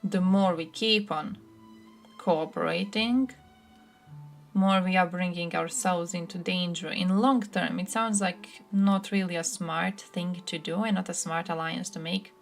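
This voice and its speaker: A woman's voice: on the low side, steady tone, a little slow, gravelly, faint music behind. A woman from Croatia streaming live, giving blunt, sarcastic political commentary and answering chat, swearing freely.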